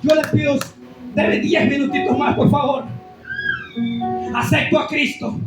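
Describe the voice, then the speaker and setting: A man preaching an impassioned, shouted testimony sermon as an evangelist in a church. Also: extremely high pitch, level tone, unhurried, heavy reverb, distant mic, loud music behind the voice.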